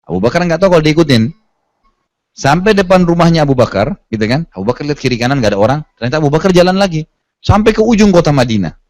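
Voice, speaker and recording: A man's voice: on the high side, expressive, racing, a little mellow, no echo. A man giving a religious lecture, telling stories and acting out the quoted lines in a casual, colloquial way. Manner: storytelling with acted quotes, casual colloquial asides. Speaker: preacher.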